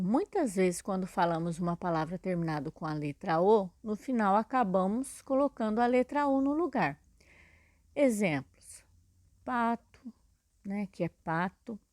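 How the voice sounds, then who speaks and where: A woman's voice: mid-range voice, darkish tone, no room sound. Patient teacher woman, dry close sound. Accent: Brazilian Portuguese. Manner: patient, explains step by step with many "né?" and "tá?". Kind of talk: recorded video lesson.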